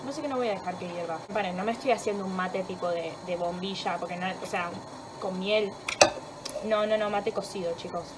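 Speaking briskly in a lowish voice, a young woman with a Rioplatense Spanish accent rambles through a casual kitchen vlog at home, poking fun at herself and swearing freely. She has a sore throat and stuffy nose, and background noise can be heard.

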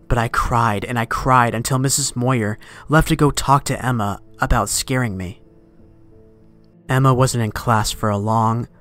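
A man reading a horror story aloud in a measured voice that sinks to a hush at tense moments, with faint music behind. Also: medium pitch. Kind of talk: scripted horror narration. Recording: dry close recording, faint music behind.

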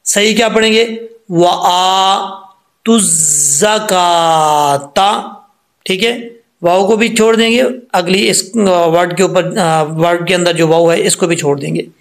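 A man teaching Quran pronunciation, patiently explaining each mistake step by step and then reciting the verses slowly in a chanted voice. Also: sits high, steady tone. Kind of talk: tajweed lesson with slow chanted recitation.

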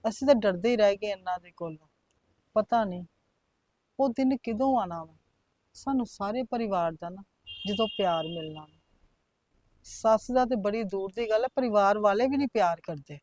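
Actress as a fearful, tearful young daughter-in-law, quiet and pleading, dry recording. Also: female voice, mid-range voice, moderate pace, long pauses, dry recording, lightly acted. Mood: sorrowful. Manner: pleading, fearful, soft and sad. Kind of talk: family drama acting.

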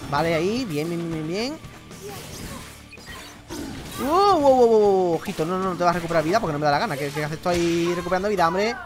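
A young man with a Spain Spanish accent giving excitable, slangy live commentary while playing a fighting game and chatting to his viewers. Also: on the high side, racing, few pauses. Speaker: gaming YouTuber. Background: game music.

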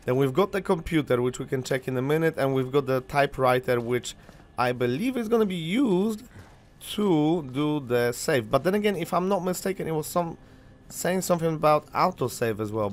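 On his gaming channel, this young man from Poland, whose first language is Polish, chats through video game commentary on a headset mic. He rambles casually with lots of fillers, his mid-range voice lively in intonation and moving at normal speed.

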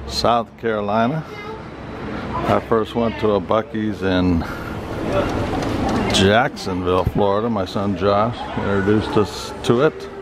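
An older man narrating a walking tour vlog in a slow, leisurely way with amused asides, filmed on a handheld camera in a large store. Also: lowish voice, steady tone. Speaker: vlogger. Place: large busy store and gas station forecourt. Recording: loud crowd and store noise.

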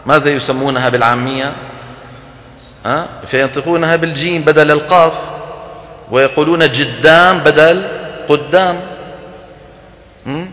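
A man's voice: fairly high pitch, steady tone, fairly quick, pauses often, a bit bright. A man giving a religious lecture on Quran recitation, explaining points and quizzing his audience. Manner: explanatory, asks the audience questions and demonstrates sounds. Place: lecture hall. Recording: echoey hall recording.

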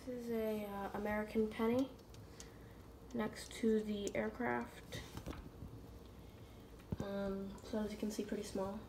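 A woman reviews a small model plane in a casual, halting way, pausing often and filling gaps with ums. Her speech is slow and fairly level in tone, recorded on a phone camera indoors at home with a faint hiss behind her. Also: mid-range voice, little pitch movement. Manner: hesitant, many ums and pauses.

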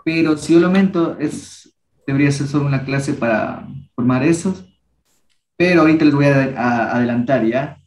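A young man teaching a language workshop, patiently repeating each word slowly so students can copy its pronunciation. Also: medium pitch, a little mellow, echoey room. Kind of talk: teaching a class.

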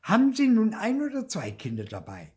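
A man's voice: high-pitched, big pitch swings, slow pace, mellow, breathy edge, voice pushed up, exaggerated voice. An older man voicing an irritated female ticket cashier who speaks curtly. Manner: curt, hissing.

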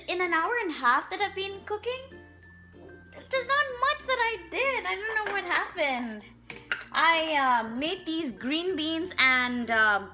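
A young mother talks through her day in a casual home vlog, her voice sitting high. She chats easily to the camera. Background music plays under the recording. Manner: chatty, talking to camera and to toddlers. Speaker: vlogger, mother of twins. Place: home kitchen and living room.

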